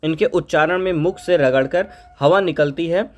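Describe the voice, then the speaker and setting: A man's voice: a little high, moderate pace. A man teaching a Hindi grammar lesson for an exam, asking questions and answering them himself, spelling out letters one by one. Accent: North Indian Hindi.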